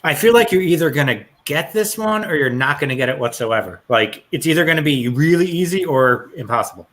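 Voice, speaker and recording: A man's voice: a little high, animated, a little fast, fairly bright tone. A man hosting a casual trivia podcast over a call, reading clues aloud and laughing easily. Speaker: trivia quiz host.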